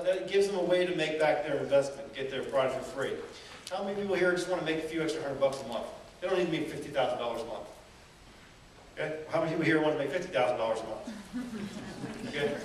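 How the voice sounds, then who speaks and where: A man giving a live seminar talk, telling stories and asking the audience rhetorical questions with lots of energy. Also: on the high side. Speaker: motivational speaker. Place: event hall. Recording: echoey room from far off, faint noise.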